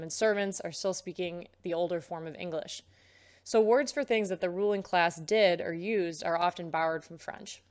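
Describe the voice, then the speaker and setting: A young woman giving a recorded lecture, explaining terms patiently with frequent filler words. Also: lowish voice.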